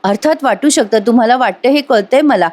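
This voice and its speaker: A woman's voice: on the high side, a little fast, a little mellow, natural voice. A woman reading out the lines of a young wife who pleads with her husband through tears. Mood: pleading. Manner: pleading, tearful, urgent.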